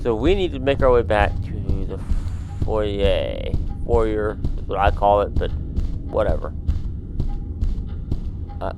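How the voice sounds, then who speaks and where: Brief: man, chatty let's-play commentary, game music loud behind. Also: fairly low pitch, moderate pace, pauses often. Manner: chatty, joking, talks to enemies. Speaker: gaming channel host. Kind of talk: casual gameplay commentary.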